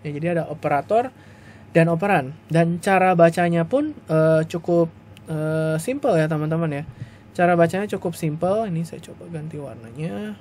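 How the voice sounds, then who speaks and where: A man teaching a class on video in a slightly high voice. He walks through each step patiently, repeating himself and padding his sentences with soft fillers. A faint hiss runs under the recording. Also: animated, moderate pace. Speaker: lecturer. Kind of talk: recorded lecture explaining to students.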